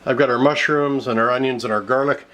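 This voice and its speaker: An American man in his fifties hosts a cooking show in a home kitchen, casually talking through each step of a recipe in a conversational, explanatory way. His medium-pitched, fairly bright voice moves quickly with fairly even intonation. Kitchen clatter and other background noise are clearly audible.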